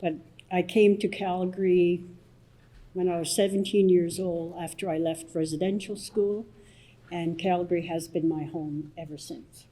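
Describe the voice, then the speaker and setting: Older woman elder opening a community assembly; slow, soft and halting, low warm tone. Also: steady tone, low-quality recording. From Blood Tribe, southern Alberta, Canada. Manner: soft-spoken, halting, many pauses and restarts. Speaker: elder leading smudge ceremony. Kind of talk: opening blessing and explanation at a public assembly.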